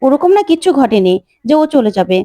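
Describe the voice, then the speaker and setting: Woman doing a sharp-tongued scolding aunt. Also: sits high, big pitch swings, fairly quick, dry recording. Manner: scolding, bossy. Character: sharp-tongued hostile middle-aged aunt.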